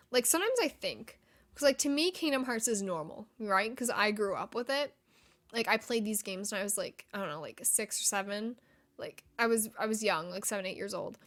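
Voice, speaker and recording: A woman in her twenties hosting a casual gaming show, talking excitedly, swearing freely and laughing often. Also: mid-range voice. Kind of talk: casual chat.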